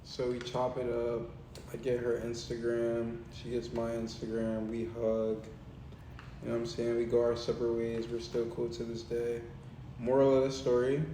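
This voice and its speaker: A man's voice: medium pitch, a little hiss or hum. Slangy young man telling a story, roomy echo. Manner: slangy, animated, conversational. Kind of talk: casual storytelling.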